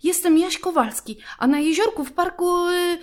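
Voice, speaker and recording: A lively little schoolboy from a children's story, played by a woman. His voice is high and eager, and he talks in a rush. He sounds keen to get every detail out. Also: normal speed. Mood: urgent. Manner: breathless, urgent on the phone.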